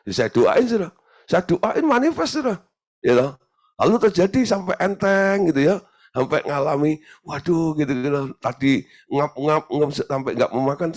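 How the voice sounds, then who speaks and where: A male pastor telling a story in a teaching sermon, lively and often laughing. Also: a little high.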